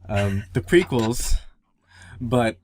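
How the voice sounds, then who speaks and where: A young man co-hosting a casual gaming podcast, rambling excitedly and restarting his sentences. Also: medium pitch, extremely slow, slight background noise. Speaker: podcast co-host.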